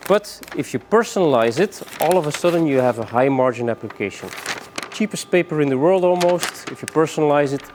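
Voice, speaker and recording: A man giving a rushed product demonstration, moving between samples with many fillers and saying he is out of breath. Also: fairly high pitch, expressive, darkish tone, a little hiss or hum. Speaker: product presenter.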